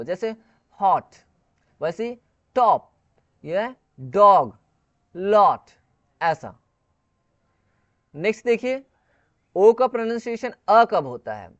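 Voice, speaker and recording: A man teaching a video lecture on English pronunciation, explaining step by step and reading each English rule slowly before restating it. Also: high voice, dry recording, dull audio.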